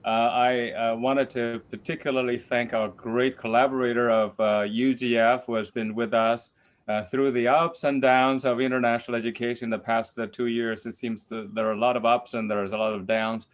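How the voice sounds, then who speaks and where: A man's voice: mid-range voice, little pitch movement, normal speed. A man on a webinar panel giving gracious, formal closing thanks. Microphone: video call.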